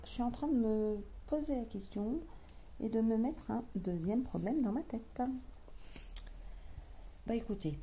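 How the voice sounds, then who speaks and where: Woman, French accent, casual sewing vlogger; slow, hesitant, mellow tone. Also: a little high, lively intonation. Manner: hesitant, thinking aloud with many fillers. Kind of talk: casual chat to camera.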